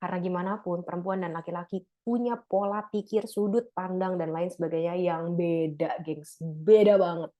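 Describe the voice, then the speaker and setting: A woman's voice: on the low side, fairly even intonation, normal speed, few pauses, dark tone, dull audio. A middle-aged woman, giving a casual talk to a church couples' group, chatty, slangy and laughing often. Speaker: speaker at a church couples' fellowship.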